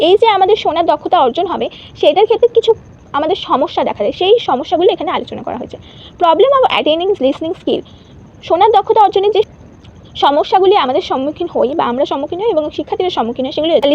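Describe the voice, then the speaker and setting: A woman teacher giving an exam-prep lesson, reading each English point out slowly before she explains it. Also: high-pitched, darkish tone, muffled recording.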